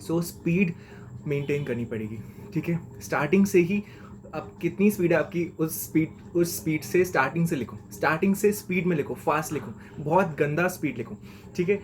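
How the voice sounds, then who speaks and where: A man's voice: a little high, a little fast, a little hiss or hum. A young man giving a chatty, slangy lesson of exam tips as a mentor. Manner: chatty and slangy, keeps saying "okay?".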